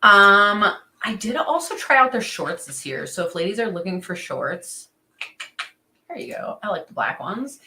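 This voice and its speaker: Bright, chatty woman in an echoey room. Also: mid-range voice, very animated, unhurried. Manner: chatty, upbeat, laughs often, many "um"s. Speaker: co-host of a fishing show. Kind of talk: casual gear chat on a livestream.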